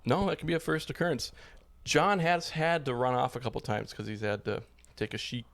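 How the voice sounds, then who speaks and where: A young man in his twenties chats loosely as a podcast co-host, joking and rambling. He laughs often and sits at an ordinary middle pitch. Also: fairly even intonation, fairly quick, creaky, a bit bright. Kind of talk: casual chat.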